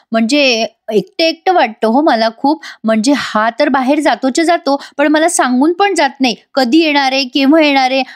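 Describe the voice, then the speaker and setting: A woman voicing an angry pregnant young wife who scolds her husband with rapid complaints. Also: high-pitched, lightly acted.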